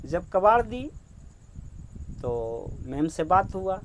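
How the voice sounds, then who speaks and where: A man's voice: high voice, big pitch swings, slow pace, slight background noise. A man telling a moral story as parenting advice, with an earnest storytelling manner and quoted dialogue. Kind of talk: storytelling narration.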